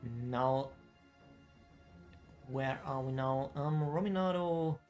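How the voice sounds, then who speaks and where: A man casting a card game match as esports commentary, casual and exclaiming, often thinking out loud. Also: medium pitch, slow pace, lo-fi sound, faint music behind. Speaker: esports caster.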